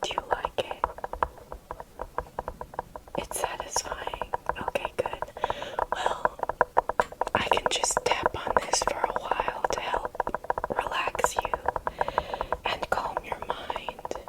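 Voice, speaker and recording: A woman doing a whispered ASMR roleplay, speaking to the listener as a caring friend in a soft, unvoiced whisper. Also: slow, long pauses, low-quality recording. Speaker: ASMR creator.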